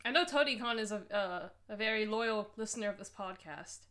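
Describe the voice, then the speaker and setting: Bright-voiced giggly woman podcaster. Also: mid-range voice, a little fast. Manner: sarcastic, giggly. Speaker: podcast co-host. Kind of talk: casual chat over a watch-along.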